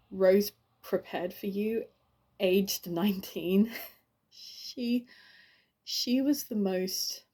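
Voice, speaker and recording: An actress playing a grieving woman delivering a eulogy for her friend, halting and stammering with many restarts, in an audition monologue. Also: mid-range voice, dark tone, husky. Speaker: actor.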